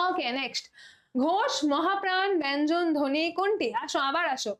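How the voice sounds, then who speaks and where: A young woman with a Bangladeshi Bengali accent runs an online exam-prep lesson in a high voice. She is playful and teasing, and she pleads with her students to understand. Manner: playful, pleading, mixes English words. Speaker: teacher.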